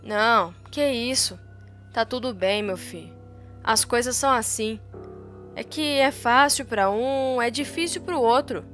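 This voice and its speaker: A proud, weathered rancher father talks to his son in a low, muted, fatherly voice, as a woman narrator puts him on. Faint music runs behind him. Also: unhurried, fairly bright tone. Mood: consoling. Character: gruff middle-aged rancher father, proud but tender.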